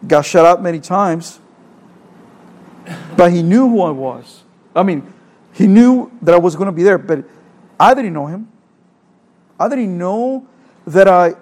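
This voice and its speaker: A middle-aged man from El Salvador, speaking with a Salvadoran Spanish accent, preaches a sermon earnestly, posing rhetorical questions and repeating phrases. His voice is high-pitched and a little mellow.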